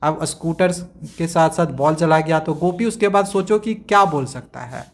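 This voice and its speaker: Reading English sentences at a slow pace, a fairly high-voiced man explains each line one step at a time to primary school pupils. He keeps asking "samajh mein aa gaya?" to make sure the class follows.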